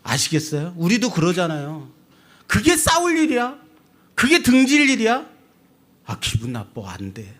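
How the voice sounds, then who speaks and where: A male pastor delivering a sermon in a slow, deliberate pace. His voice sits slightly high and leaps around with animated emphasis, then falls to quiet low lines. He keeps putting questions to his congregation. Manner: sudden swings between loud high emphasis and low quiet drops.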